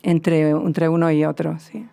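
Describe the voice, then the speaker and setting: A woman's voice: sits low, little pitch movement, a little slow, gravelly, dark tone, smooth. A woman with a southern Spanish accent, a guest linguist explaining in a radio conversation, lecturing with many restarts and tag questions.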